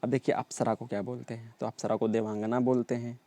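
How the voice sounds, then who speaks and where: A man teaches an exam-prep lesson in a mellow, darker voice. His pitch sits at an ordinary middle level. He drills synonyms and idioms by repeating them in lists, checking in with his students again and again. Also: little pitch movement, quick pace. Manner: repetitive drilling, frequent "ठीक है" check-ins.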